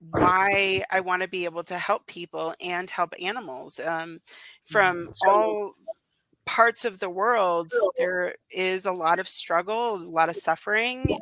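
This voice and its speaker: Joining an interview by remote call, a communications business founder who grew up speaking Russian chats casually, often using fillers and restarting her sentences. She has a lowish, bright voice with a forceful tone. The recording is dry and rough.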